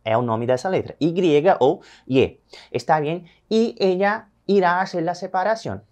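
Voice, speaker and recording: A Brazilian man teaching a recorded Spanish lesson, addressing viewers directly and slowly drawing out each number. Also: high-pitched, sing-song.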